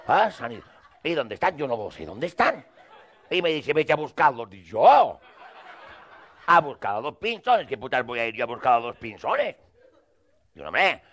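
A man's voice: mid-range voice, a bit bright, husky. A man telling a rambling, crude comic monologue in character, acting out both sides of the dialogue.

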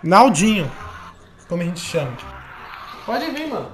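A man's voice: sits high, sing-song, unhurried, fairly bright tone, faint music behind. A young man with a Brazilian accent, chatting casually and persuasively with teammates over game voice chat. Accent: Brazilian Portuguese. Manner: easygoing, persuasive, slangy. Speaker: gaming youtuber.

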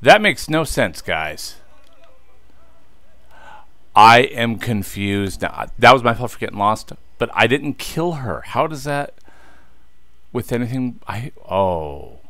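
This let's play host, a man in his thirties, gives relaxed gameplay commentary to his viewers and is easily frustrated. He has a mid-range, sing-song voice with a fairly bright tone, speaking slowly with frequent pauses. The recording has no echo.

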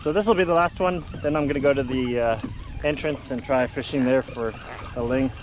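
A man's voice: medium pitch, brisk, highs cut off. Man narrating his kayak fishing trip. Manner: relaxed running commentary, muttering to himself. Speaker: kayak angler. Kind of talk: casual self-narrated fishing vlog. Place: kayak on open sea, outdoors. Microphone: action camera mounted on kayak. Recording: wind and sea noise on action cam. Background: wind and water noise.

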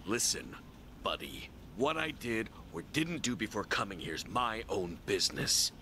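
A gruff, short-tempered ex-gangster. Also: male voice, lowish voice, big pitch swings, unhurried, bright, forceful tone, slight background noise, heavily acted. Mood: guarded, surly. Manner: blunt, confrontational, slangy, sneering. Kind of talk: video game voice acting.

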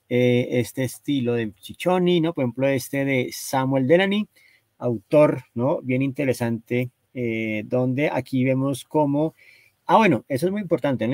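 A man's voice: medium pitch, a little mellow, no room sound. Man lecturing, full of "¿no?". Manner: hesitant, constantly tags phrases with "¿no?" and "¿cierto?". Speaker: lecturer presenting book cover art. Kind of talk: explanatory slide talk.

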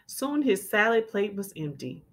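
Like a teacher, a woman reads a children's storybook aloud for young listeners, expressive and carefully enunciating each word. Her mid-range voice swings widely in pitch at a measured pace.

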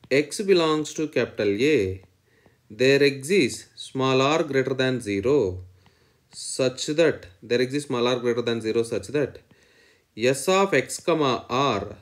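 A man's voice: medium pitch, lively intonation, a little slow. A man lecturing in mathematics, dictating definitions in short phrases and repeating each one as he writes.

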